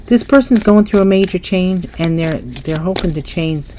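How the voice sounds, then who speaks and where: A woman reading tarot in a casual way thinks out loud as she turns over cards; she has a stuffy nose and is filmed indoors at a table showing only her hands. She speaks at normal speed in a fairly low, mellow voice, with a little background noise.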